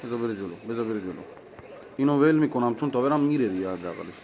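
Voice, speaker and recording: A man giving live commentary on his own mobile game match, talking to himself and his opponent, with sudden excited outbursts. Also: mid-range voice, slight background noise, rough recording. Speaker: gaming streamer.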